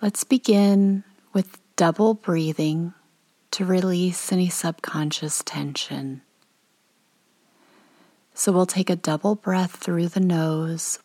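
During a guided meditation, the woman speaking uses a fairly low pitch and a soothing, calm, gentle manner. She leaves pauses between instructions, and her soft delivery turns breathy now and then.

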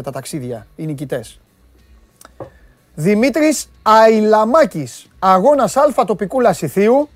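A man hosting a sports TV show, giving lively, joking commentary on amateur football clips and bantering with his studio crew. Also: high-pitched, no echo. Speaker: sports TV host.

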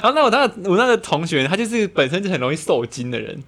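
A man co-hosting a podcast, telling anecdotes in casual chat. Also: high-pitched. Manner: rapid, animated storytelling. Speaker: podcast co-host.

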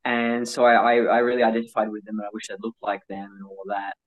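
An interview guest with a male-sounding voice, telling personal stories candidly in an animated, self-mocking way. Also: mid-range voice, fast, narrow, tinny audio. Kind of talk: candid personal storytelling in conversation.

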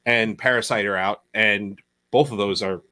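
A man's voice: fairly low pitch, fairly even intonation, normal speed, sharp tone. A man co-hosting a podcast, talking in a laid-back, enthusiastic way and often stumbling over his words. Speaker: podcast co-host. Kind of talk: casual chat.

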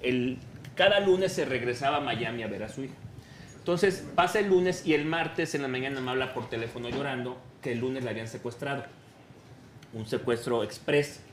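A man's voice: mid-range voice, a little fast, a little hiss or hum. A Mexican man, a talk show guest, telling a story with slang and acting out the lines of the people in it. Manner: acts out quoted dialogue, slangy and joking.

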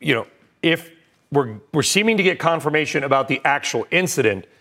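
An American male news anchor with a slightly high voice for a man. He delivers rapid market news live, in brisk, clipped phrases with commentary as he goes. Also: lively intonation, pushed and bright.

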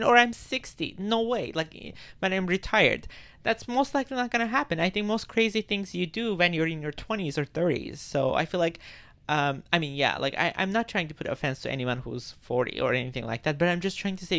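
A man's voice: fairly high pitch, a bit bright, no echo. A young man hosting a solo podcast, musing in a rambling, reflective way with many filler words. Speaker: podcast host. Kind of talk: casual solo podcast monologue.

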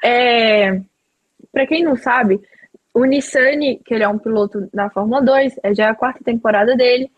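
A woman's voice: a little high, normal speed, no room sound, muffled recording. A woman hosting a casual chat, rambling with lots of fillers and enthusiasm.

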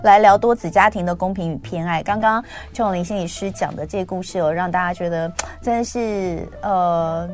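A woman's voice: on the low side, fairly quick, hardly any pauses. A woman hosting a talk show, chatting with a guest and answering sympathetically. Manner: soft backchannels, sympathetic. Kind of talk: casual radio chat.

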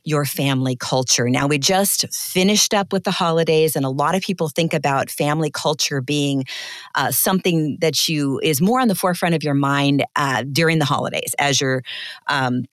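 Middle-aged female podcast host, low voice, dry close sound, chatty and casual. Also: moderate pace, no echo. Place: small walk-in closet at home.

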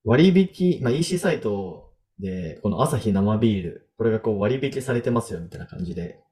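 Speaking a little fast, this podcast host has a mellow, fairly low voice and a laid-back conversational manner. He thinks out loud as he goes, relying on loose filler words throughout a relaxed chat.

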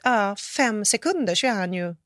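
Animated woman telling a dramatic story. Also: medium pitch, no room sound, studio quality. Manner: animated storyteller who acts out quoted speech. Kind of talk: casual chat between friends. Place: abroad in a city with coyotes.

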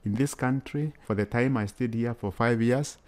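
A man's voice: medium pitch, normal speed, a little mellow. A man with a Kenyan accent answering interview questions earnestly, repeating phrases for emphasis. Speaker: children's charity worker, interview guest.

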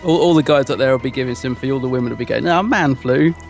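A man's voice: medium pitch, racing, vocal fry, darkish tone, faint music behind. A man co-hosting a podcast in casual, conversational chat. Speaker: podcast co-host.

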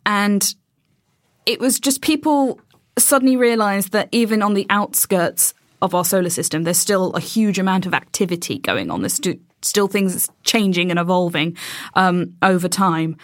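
A woman's voice: medium pitch, moderate pace, no room sound, studio quality. A woman explaining space science in casual chat, with many ums and restarts.

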